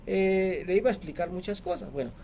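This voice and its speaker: A man's voice: high-pitched, fairly quick, vocal fry, darkish tone, slight background noise. A man preaching a radio sermon as the program's host, emphatic, asking rhetorical questions and calling listeners brother.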